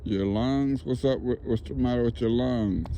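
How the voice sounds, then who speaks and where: A man with a warm, medium-pitched voice at normal speed talks casually as a paranormal investigator outside near woods, questioning spirits and addressing the camera. He repeats answers back as questions, and the sound is lo-fi with slight background noise.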